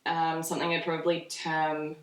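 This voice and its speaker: A woman's voice: low-pitched, monotone, moderate pace. A young woman hosting a casual interview, chatty and reflective, using many likes. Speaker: host. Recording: roomy echo.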